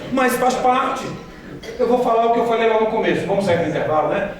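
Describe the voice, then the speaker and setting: A man's voice: high voice, animated, brisk. A man, a missionary giving a church training talk with humorous anecdotes, joking and asking the audience questions directly. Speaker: missionary speaker. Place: large hall with a live audience. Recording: echoey hall from far off, audience audible.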